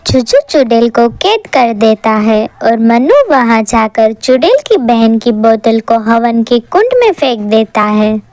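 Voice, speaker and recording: With a high, widely swinging voice, a woman brings lively scripted energy to a cartoon horror tale. She's unhurried and pauses little, and the close recording is dry.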